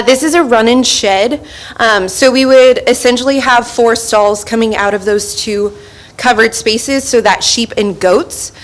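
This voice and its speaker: A woman presenting a school farm plan at a board meeting, explaining with frequent fillers and a little out of breath. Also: mid-range voice. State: slightly out of breath.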